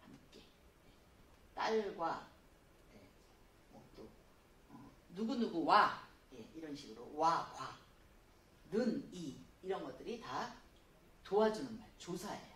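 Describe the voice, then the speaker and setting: A woman teaching a spelling class, explaining patiently and reading example phrases slowly. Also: deep voice, very animated, fairly bright tone. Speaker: Korean spelling instructor. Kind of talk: classroom lecture. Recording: echoey room, voice from a distance.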